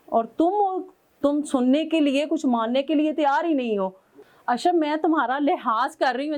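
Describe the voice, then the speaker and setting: Pakistani woman, high voice, upset caller, scolding and pleading. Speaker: caller, estranged wife. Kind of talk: angry phone call to husband.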